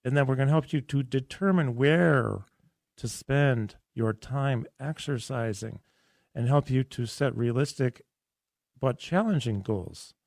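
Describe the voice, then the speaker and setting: Hoarse, raspy man hosting a radio show. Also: medium pitch, measured pace, a little mellow, no room sound, studio quality. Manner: enthusiastic, rambling with restarts. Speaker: radio health show host. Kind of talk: casual radio talk. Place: radio studio.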